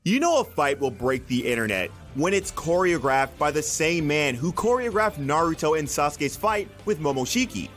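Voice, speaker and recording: A man with a slightly high voice delivers scripted countdown narration. His pitch moves around in a lively way from phrase to phrase, and music plays clearly behind him. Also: moderate pace, hardly any pauses. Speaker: narrator of an anime countdown video.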